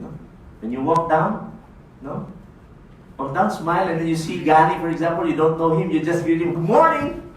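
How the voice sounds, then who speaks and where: Lively Filipino man in an echoey hall. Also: high-pitched. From Philippines. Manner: playful, asks the audience "no?" often, laughs. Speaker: network marketing speaker. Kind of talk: motivational seminar talk. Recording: echoey room, voice from far off, faint hiss.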